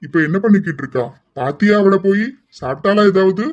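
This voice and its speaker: Man voicing a steady, instructing father, slightly high voice, lo-fi recording. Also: fast. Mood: firm. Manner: firm, instructing. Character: firm middle-aged father arranging a wedding. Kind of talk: amateur family drama. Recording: dull lo-fi recording.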